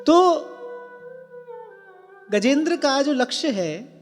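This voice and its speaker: Man w/ a high voice doing a devotional sermon, slow and careful, leaning on single words, big hall echo. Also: very animated. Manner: explains slowly, stresses single words, quotes verses. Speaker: spiritual discourse speaker. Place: ashram hall. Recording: long hall reverb with faint music.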